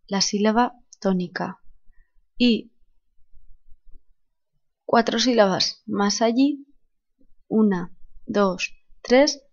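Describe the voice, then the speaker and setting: A woman teacher with a Spanish accent from Spain gives a literature lesson in a clear, measured voice of middle pitch. She explains step by step and counts syllables aloud. The recording is dull and lo-fi. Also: a little mellow.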